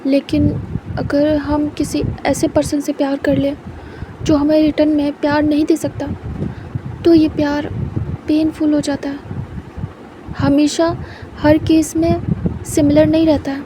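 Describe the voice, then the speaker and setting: A woman voicing a soft-spoken young man who apologizes and consoles, sometimes stammering, in a story reading. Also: high voice, completely flat delivery, measured pace, pauses often, noisy background. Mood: gentle.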